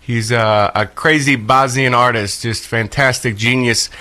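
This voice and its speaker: A middle-aged man talks about his restaurant in an easygoing interview chat. His voice has a bright, forward edge, and he stops and starts, packing his sentences with filler sounds. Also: mid-range voice, steady tone. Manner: halting, many filler sounds. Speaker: pizzeria owner guest.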